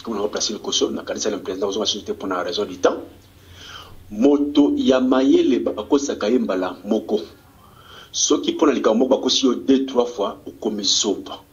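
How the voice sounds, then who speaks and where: A man's voice: fairly low pitch, moderate pace. A man from DR Congo, a political activist answering an interview in a fervent, rousing way, often stumbling and repeating words. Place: Congolese diaspora community in Australia. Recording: dull lo-fi TV recording.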